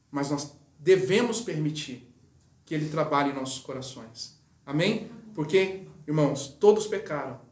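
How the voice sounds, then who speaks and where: A Brazilian man preaches a sermon from the pulpit, his voice sitting high for a man. He drops to soft, low asides and then climbs into loud exhortation. The room around him rings with echo. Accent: Brazilian Portuguese. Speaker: pastor. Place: church hall. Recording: echoey church room.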